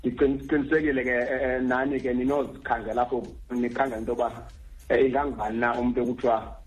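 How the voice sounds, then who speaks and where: A man's voice: medium pitch, little pitch movement, very fast, dull audio. A man with a Xhosa accent explaining conversationally on the radio, often repeating the starts of his words.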